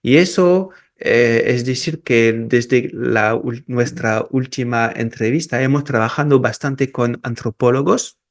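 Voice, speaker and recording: A man speaking in an easygoing interview. He talks slowly and halts often, repeating words and restarting as he works out his thoughts. His voice sits at an ordinary middle pitch. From France and Peru, raised in Morocco. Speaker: osteopath and researcher, guest. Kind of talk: casual interview.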